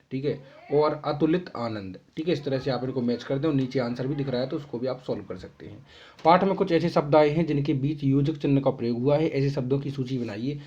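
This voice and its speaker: A man's voice: medium pitch, warm tone. A young man explaining homework answers to children, reading out each question and then dictating the answer, with a constant "ठीक है" to check in. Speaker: teacher. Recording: dull lo-fi sound.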